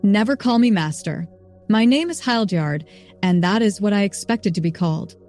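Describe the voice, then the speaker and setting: A stern lord gives firm orders in a steady, mid-pitched voice, as a woman reads him aloud. He is commanding yet kind. It sounds like a storybook reading with faint music underneath. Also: normal speed, close to an everyday voice. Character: stern but kind man, a knight-like lord.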